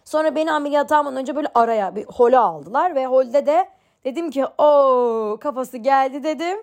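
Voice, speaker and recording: Chatty young woman telling a story. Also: quick pace. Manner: chatty and animated, mocks herself, swings in pitch. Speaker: podcast host. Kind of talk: casual storytelling monologue.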